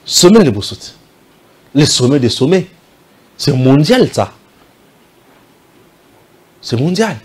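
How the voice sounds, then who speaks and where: Indignant Congolese man, fairly high voice. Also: very animated, slow, long pauses, slightly rough. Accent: Congolese French, Kinshasa. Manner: indignant, rhetorical questions, switches into Lingala. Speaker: political commentator. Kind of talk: impassioned political commentary.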